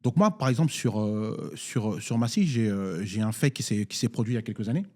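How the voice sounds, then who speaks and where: A man's voice: lowish voice, animated, a little fast, darkish tone. A man from Nigeria, a municipal councillor speaking in a political debate, hesitant with many fillers and restarts.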